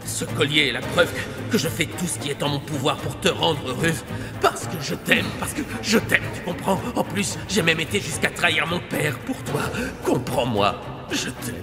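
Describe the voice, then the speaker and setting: A desperate, obsessive young lover. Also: male voice, a little high, animated, normal speed, over music. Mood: pleading. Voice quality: intense, pleading. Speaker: dub actor. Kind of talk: dubbed telenovela acting.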